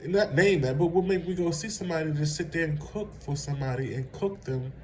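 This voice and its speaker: A man's voice: on the high side, fairly quick, a little hiss or hum, low-quality recording. A man vlogging casual celebrity gossip commentary, rambling and conversational and laughing at his own asides.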